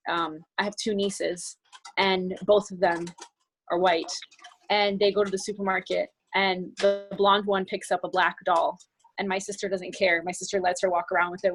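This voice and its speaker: A woman's voice: on the low side, poor audio. A woman from the New Jersey area, a business coach and guest on a video call, talking earnestly and at length with many restarts. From New Jersey area, United States. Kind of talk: video call group discussion.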